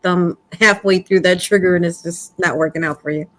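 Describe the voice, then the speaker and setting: A woman's voice: lowish voice, fairly even intonation, brisk, fairly bright tone. Chatty woman with a Brooklyn accent. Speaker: host of a live prepping stream. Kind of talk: casual livestream chat.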